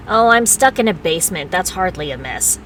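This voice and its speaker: Animated, bright-voiced woman gamer. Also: on the low side, a little fast, recorded from a distance, slight background noise, poor audio. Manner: expressive, playfully talking back to the game. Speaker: gamer reacting while playing. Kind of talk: casual gameplay commentary.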